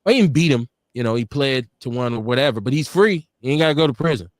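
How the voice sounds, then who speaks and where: A fast-talking man with a medium pitch and lively intonation rambles through stories as co-host of a casual live podcast, laughing and correcting himself often. He's in a home studio on a livestream, with a dry, clean studio recording.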